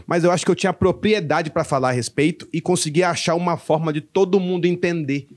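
A man, a stand-up comedian from Brazil, chatting casually and telling profane, animated stories full of acted-out quotes. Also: on the high side, fast. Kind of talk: casual podcast chat.

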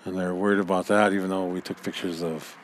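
A man's voice: deep voice, little pitch movement, fast talker, slight background noise. A man co-hosting a casual podcast outdoors, trailing off into mumbled asides. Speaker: podcast co-host. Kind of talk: casual chat. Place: outdoors under a backyard overhang by a fire pit.

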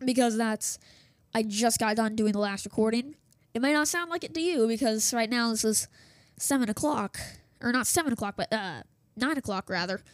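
Her voice on the high side and clearly worn, a woman hosts a school radio news show from home, losing her voice as she talks. She rambles chattily at normal speed, interrupting herself and piling on fillers and restarts. Recorded on a desktop setup with a small soundboard, there's no echo.

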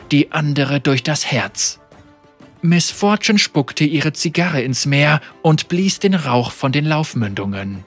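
A man reading an audiobook story as narrator, with measured, vivid storytelling. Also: mid-range voice, fairly bright tone, breathy edge. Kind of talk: scripted narration.

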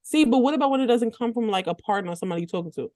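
A woman's voice: fairly high pitch, expressive, very fast, darkish tone, no room sound. A woman co-hosting a podcast, chatting casually with many "like" fillers and laughing as she tells stories. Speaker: podcast co-host. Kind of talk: casual chat.

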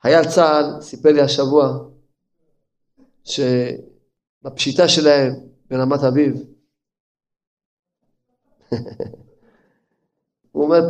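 Older man, rabbi preaching a sermon, fairly high voice, impassioned, sudden leaps and hushed drops.

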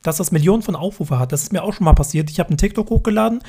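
A man in his thirties with a slightly high voice chats casually as a podcast co-host. He is opinionated and talkative, and laughs between his points. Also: very fast, noisy background. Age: 30s. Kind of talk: casual chat. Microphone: remote call from home.

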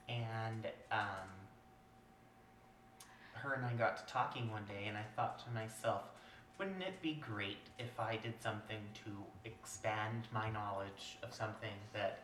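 A man hosting a casual podcast chat, high and relaxed, rambling with lots of fillers. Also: a little slow, echoey room, background noise. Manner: laid-back, rambling with fillers. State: high on cannabis. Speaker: podcast host.

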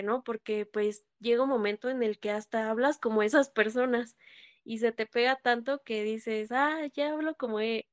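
A woman's voice: fairly high pitch, clean tone, muffled recording. A young woman, a guest in a casual chat, hesitant and earnest with many fillers. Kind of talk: casual conversation.

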